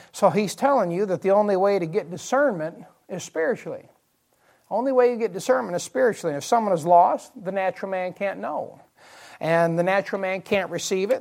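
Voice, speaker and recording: A man's voice: high voice, darkish tone. A man preaching a midweek evening sermon in church, explaining Bible verses, repeating key phrases and asking the congregation rhetorical questions. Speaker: pastor.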